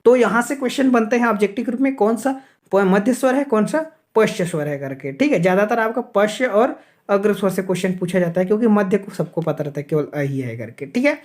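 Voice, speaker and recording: A man teaching an exam-prep grammar lesson. He keeps asking and answering his own questions, checks in often with "okay", and slows down to spell out sounds one by one. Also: sits high, expressive, a little mellow. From Chhattisgarh, India.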